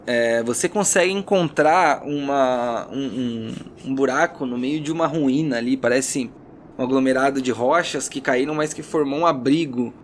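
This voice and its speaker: Running a fantasy tabletop role-playing game, this Brazilian man narrates with drama and the occasional informal aside. He speaks at a moderate pace and medium pitch, with a music bed underneath and a little hiss or hum.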